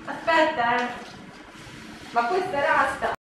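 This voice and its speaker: A heavily reverberant, noisy home video captures a woman from some distance. She has a high voice and a Roman accent. Her talk is playful, improvised banter. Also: measured pace. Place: echoey indoor room at home. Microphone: distant handheld camera microphone. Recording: very echoey, noisy, far-off camera mic.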